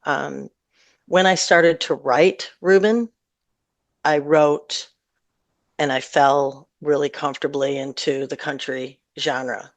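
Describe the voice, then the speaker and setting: Speaking slowly with a deep, steady voice, a Michigan-born woman with a Midwestern accent talks as a singer-songwriter guest in a casual radio interview. She trails through loose, unfinished thoughts, and the audio has no room sound.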